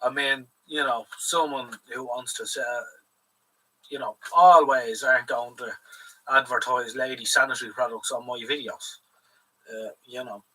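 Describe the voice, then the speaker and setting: Steady and measured, his medium-pitched voice comes across pushed and bright. The Irish man is hosting a live stream, rambling casually and swearing freely, slightly far from the mic.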